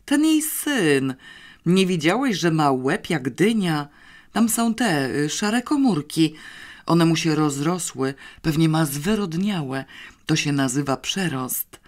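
A bossy, clever schoolgirl, read out by an audiobook narrator lays out her plans with calm certainty. The voice sits somewhat higher and louder than the narrator's own and carries a scornful edge. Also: slow. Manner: confident, scheming, a little scornful.

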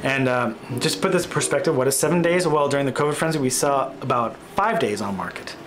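Talking quickly at a medium pitch, a man in his thirties who works in real estate walks through a relaxed screen-share market update with noise in the background. His delivery is full of fillers and self-corrections as he reasons aloud.

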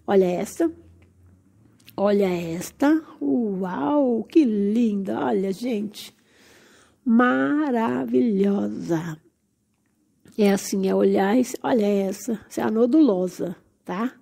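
A woman gushes over each thing she shows in a casual vlog, her voice nasal and congested from a cold. She talks slowly and unhurriedly, with a slightly high pitch and a gravelly fry, and the tone stays dark and mellow. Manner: effusive, gushing exclamations. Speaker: channel host. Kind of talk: casual plant-tour vlog.

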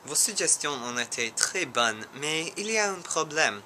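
A teenage American boy, a native English speaker, reading aloud in learner's French with a clear American accent, halting and correcting himself on harder words. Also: on the high side, sing-song, sharp tone, soft background music. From United States. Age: teens. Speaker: language student.

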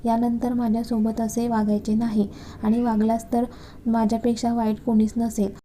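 A woman's voice: fairly high pitch, monotone, moderate pace, warm tone, slight background noise, natural voice. A woman voicing a defiant young wife in a read-aloud story, answering back with firm, cutting retorts. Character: defiant young wife standing her ground.

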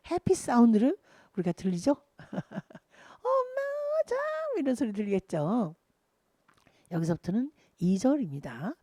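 A woman's voice: mid-range voice, mellow, no echo. An older woman teaching a pop-song singing lesson, chatting, counting beats and singing lines to show her class. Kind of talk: singing lesson, explaining and demonstrating lyrics.

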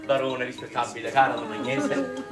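A man's voice: mid-range voice, big pitch swings, reverberant, over loud music, natural voice. A man playing a bossy scheming schemer. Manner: bossy, quick, theatrical coaxing. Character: scheming middle-aged man staging a fake misery. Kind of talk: 1960s Neapolitan stage comedy.

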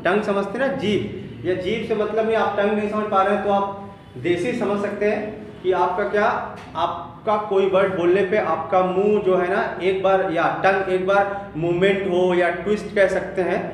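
High-voiced teacher in an echoey room. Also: male voice, flat delivery, recorded from a distance, a little hiss or hum. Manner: explains slowly, repeats terms, spells out words. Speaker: English teacher. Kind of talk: Hindi lesson on English spelling.

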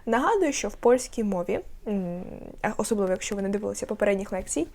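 Woman language tutor, patient explainer, repeats key words, slow deliberate example phrases. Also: mid-range voice, animated, gravelly, a little mellow. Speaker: Polish language teacher. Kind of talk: online language lesson.

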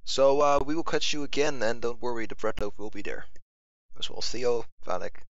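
A man's voice: medium pitch, animated, a little fast, creaky, dry recording, lo-fi sound. A man hosting a casual let's play, informal and sweary. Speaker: host of a gaming video.

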